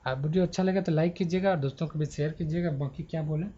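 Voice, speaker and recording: A man's voice: a little high, quick pace, mellow, husky. A man teaching a grammar exam-prep lesson into a mic at his laptop, thinking aloud and correcting himself as he goes. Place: at home before a laptop. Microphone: handheld mic at a laptop. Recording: dull lo-fi mic sound.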